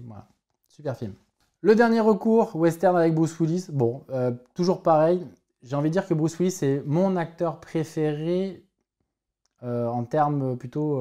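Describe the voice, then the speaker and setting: A man's voice: medium pitch, dark tone. A man in his forties hosting a casual review vlog of his film collection, rambling, correcting himself and hesitating often. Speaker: film collector and channel host.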